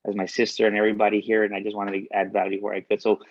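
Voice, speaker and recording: A man's voice: on the low side, completely flat delivery, racing, muffled recording. A man giving a faith-based motivational speech as a guest speaker, repeating key lines for emphasis.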